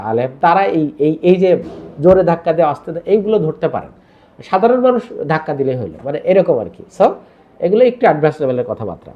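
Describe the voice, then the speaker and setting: A man's voice: fairly high pitch, muffled recording. A man teaching Quran recitation rules, explaining step by step and repeating syllables for learners to copy. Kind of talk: tajweed lesson with recitation drills.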